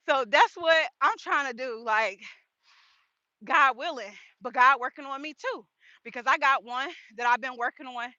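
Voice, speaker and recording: A woman's voice: sits high, sharp tone, no echo, highs cut off. A woman, chatting about her faith in a casual walk-and-talk vlog. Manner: chatty, faith-focused, laughs often. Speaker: vlogger. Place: outdoors on a walk.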